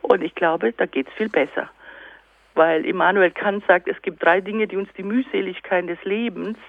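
Lady calling into a radio show, gravelly voice, phone-line sound, acts out little back-and-forth scenes. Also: lowish voice, normal speed, no echo. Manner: lively storytelling, acts out dialogues. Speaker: guest speaker on laughter. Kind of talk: radio interview. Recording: tinny phone line, dry.

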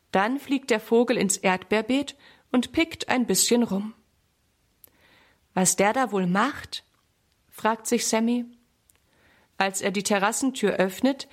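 A woman reading a children's story aloud in a clear, friendly way. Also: on the high side.

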